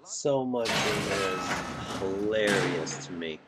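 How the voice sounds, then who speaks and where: A man's voice: sits low, slow, loud music behind the voice. A man giving casual, offhand playthrough commentary on a video game, sounding amused. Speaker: gaming commentator.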